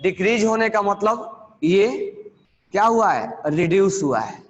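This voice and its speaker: A man teaching chemistry in a classroom lecture, with terms, repeating key words slowly and quizzing his students. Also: high-pitched, sing-song, in a large hall, highs cut off.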